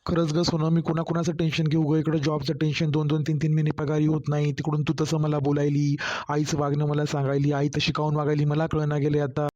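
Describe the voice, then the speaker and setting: Man voicing a weary husband far from home, flat. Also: on the high side, fast, highs cut off, natural voice. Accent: Marathwada Marathi. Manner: pleading, tired explaining. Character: young husband working far away, weary. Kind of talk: cartoon story voice acting.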